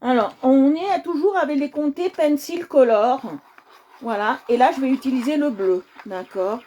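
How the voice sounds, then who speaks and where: Warm, chatty woman hosting a coloring stream. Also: sits high, moderate pace. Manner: chatty, often checks in with viewers and repeats herself. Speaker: coloring livestream host. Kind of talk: casual livestream chat while coloring.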